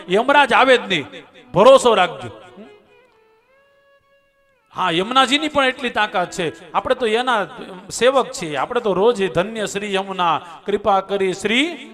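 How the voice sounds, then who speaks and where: A man with a high, voice tells a devotional scripture story with animated, chuckling asides. He speaks straight to his listeners as a religious storyteller. Soft music plays faintly behind him.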